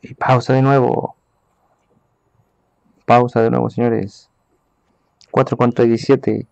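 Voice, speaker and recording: Man, esports commentator, gravelly, dry close sound, live play-by-play from home. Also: mid-range voice, little pitch movement, darkish tone, no echo, dull audio. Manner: hurried play-by-play, talking to viewers. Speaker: esports caster.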